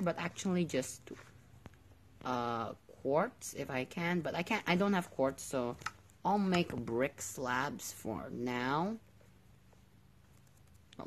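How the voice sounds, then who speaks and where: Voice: medium pitch, slight background noise. A gaming video host giving casual commentary while playing, often repeating words and phrases.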